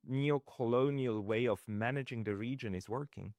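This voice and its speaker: A man hosting an interview, asking questions haltingly with fillers. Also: mid-range voice, darkish tone, no echo. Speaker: host, interviewer.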